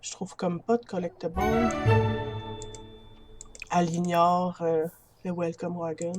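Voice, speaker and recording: A woman's voice: lowish voice, monotone, measured pace, music in the background. A woman with a Quebec French accent giving casual commentary over a video game. She chats to her viewers, laughs easily and talks into a built-in computer mic. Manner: chatty, addresses viewers as friends, laughs easily. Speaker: gamer.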